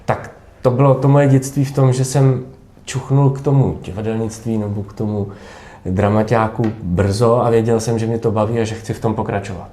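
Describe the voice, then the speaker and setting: Low mellow-voiced man, roomy echo. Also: flat delivery. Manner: thoughtful, frequent hesitations and restarts. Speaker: actor, interview guest. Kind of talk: relaxed interview answers. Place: theatre backstage room. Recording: echoey room.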